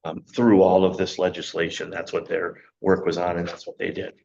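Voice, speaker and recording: A man presenting a planning report at a county board meeting, halting with many ums as he loses his voice, on dull lo-fi meeting audio. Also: deep voice, completely flat delivery, gravelly, a little mellow, a little hiss or hum. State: losing his voice.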